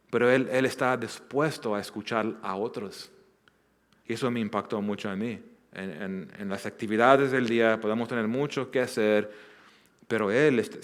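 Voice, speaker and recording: Earnest pastor teaching verse by verse. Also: male voice, medium pitch, a bit bright. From Southern California. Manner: earnest, with many restarts and repeated words, acting out quoted lines.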